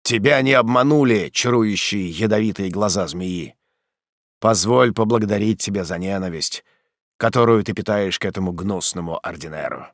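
A man voicing a bitter, vengeful old father in an audiobook, speaking gravely and low. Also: moderate pace, no echo, studio quality, natural voice. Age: older. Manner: grave, brooding, bursts into fury.

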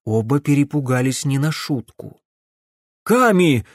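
Man narrating a dark fantasy audiobook. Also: medium pitch, no room sound, studio quality. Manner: measured storytelling.

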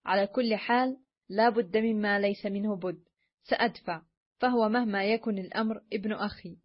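A miserly old uncle snaps his short, grudging answers, as a woman reads him aloud. He sounds greedy and uneasy. The pitch stays in the middle, and the recording is dull and lo-fi. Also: fairly even intonation, normal speed, natural voice. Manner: curt, grudging.

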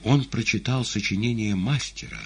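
A man's voice: on the low side, normal speed, breathy edge, pitched above the performer's own voice. A man voicing an earnest male disciple in an audiobook, speaking bitterly and sadly, then pleading. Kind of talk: audiobook character reading.

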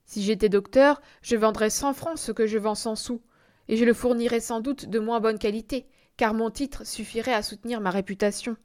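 A woman's voice: a little high, steady tone, normal speed, darkish tone, close to an everyday voice. A woman reading aloud and voicing an old male schoolteacher who is timid and sentimental, exclaiming and then wistful. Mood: exasperated.

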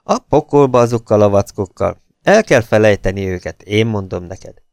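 A man's voice: fairly low pitch, expressive, clear, resonant tone, no room sound, studio quality. A man voicing a bitter, angry man who speaks curtly and harshly. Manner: curt, harsh delivery. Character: bitter, angry middle-aged man, curt and cold.

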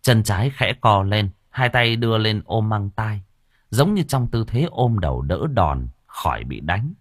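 Lively male storyteller. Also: on the low side, unhurried, no echo, clean studio sound. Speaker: narrator. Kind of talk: audiobook narration of a horror story.

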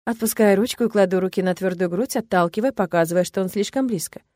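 A woman narrating a novel in the first person, lively and emotional, as if voicing her own inner thoughts. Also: mid-range voice, fairly quick, no echo, clean studio sound. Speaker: audiobook narrator.

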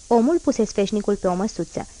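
A woman narrating a classic novel as an audiobook, in a measured, even reading voice. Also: medium pitch.

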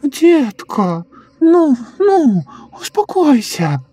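A man voicing a sly, sinister old woman who speaks in a slow, eerily calm coo in a horror audiobook. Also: high-pitched, husky, no room sound, pitched above the performer's own voice, full character voice. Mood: soothing. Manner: slow cooing, sinister giggles.

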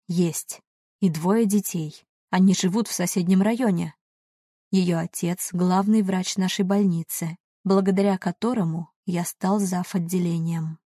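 A woman voicing a married male doctor who speaks in a flat, monotone voice. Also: unhurried, slightly rough, no echo, clean studio sound. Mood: cold. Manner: flat, monotone, slightly lowered. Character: man, married doctor, cold and evasive.

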